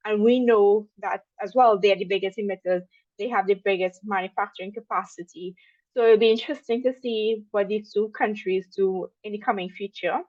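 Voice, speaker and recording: A young woman with a Trinidadian accent talks through a webinar presentation in a loose, conversational way, full of ums and small asides. Her voice sits at a middle pitch. The sound is dry and a little dull, like an online call. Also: steady tone, brisk, darkish tone, no room sound. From Trinidad and Tobago. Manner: chatty, with frequent ums and asides. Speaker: webinar speaker.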